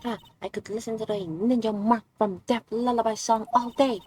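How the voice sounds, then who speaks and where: A woman's voice: fairly even intonation, moderate pace, natural voice. A woman doing a bubbly, pushy young girl. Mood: gushing. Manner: shouty, eager, high-spirited. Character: excitable young female thief, bubbly and pushy.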